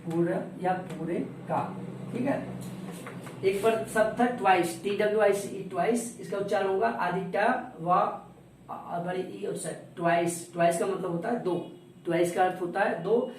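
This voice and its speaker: A man teaching a lesson who repeats each word slowly and spells it out letter by letter. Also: high voice, steady tone. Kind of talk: classroom lesson. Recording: roomy echo, distant from the mic, faint noise.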